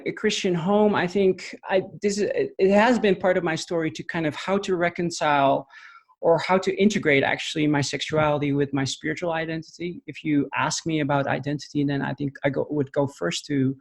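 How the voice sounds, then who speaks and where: Dutch-accented male guest, somewhat high-pitched, thoughtful and halting delivery with many fillers. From Netherlands. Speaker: podcast guest, missionary trainer. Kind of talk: conversational interview answers.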